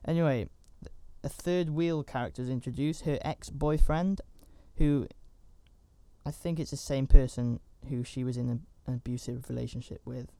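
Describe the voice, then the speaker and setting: Man, casual film recap, chatty asides, gravelly, mellow. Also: mid-range voice, steady tone, moderate pace, no echo. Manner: chatty, rambling, with asides and fillers. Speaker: film reviewer.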